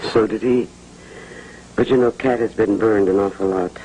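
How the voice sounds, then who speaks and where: A man's voice: fairly low pitch, fairly even intonation, moderate pace, warm tone, natural voice, poor audio. An actor in a 1980s TV soap playing a fatherly man who talks in a soothing, affectionate way. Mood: reassuring. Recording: old TV recording with faint hiss.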